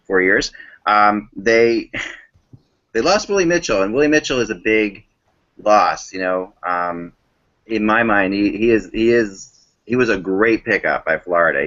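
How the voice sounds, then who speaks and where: A man's voice: sits low, pushed and bright. A man hosting a casual sports podcast discussion over a remote online call, often repeating and rephrasing his points. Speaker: podcast host. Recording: dull lo-fi online call audio.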